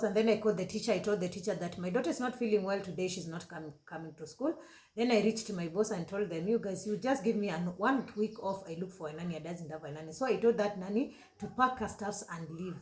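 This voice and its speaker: A Kenyan woman in her thirties recounts a painful episode from her own life on her vlog. Her delivery is halting, full of repeats and self-corrections, with Swahili phrases mixed into her English. Her voice sits at a middle pitch and echoes in a roomy space. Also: darkish tone. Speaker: vlogger. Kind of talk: emotional personal storytelling.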